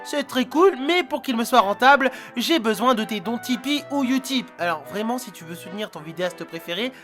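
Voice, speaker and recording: A man's voice: very high voice, lively intonation, a little fast, fairly bright tone, soft background music. A man giving a casual, scripted outro for his channel and making friendly appeals to the viewer.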